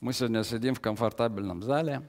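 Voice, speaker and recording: A man preaching a sermon and pausing for an interpreter. He swings from loud, emphatic outcries to quiet, hushed asides. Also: mid-range voice.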